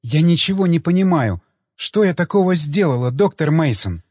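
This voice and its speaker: A man's voice: fairly high pitch, lively intonation, normal speed, a little mellow, husky, no room sound, muffled recording, pitched above the performer's own voice. A man voicing a timid, bewildered young female flight attendant in an audiobook. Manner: timid, hesitant.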